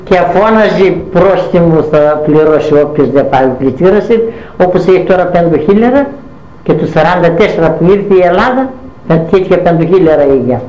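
An older woman tells a family story from her past in an interview, acting out who said what. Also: fairly low pitch. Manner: animated, acts out dialogue with many "she says" tags. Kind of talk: oral history storytelling. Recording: echoey dull lo-fi recording.

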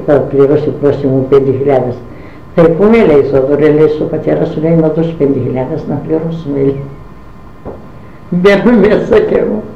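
In an interview, an older woman with a low voice recounts a family story from her past, animatedly acting out the dialogue with many "she says" tags. This oral history recording is echoey, dull and lo-fi, with a slight hiss or hum.

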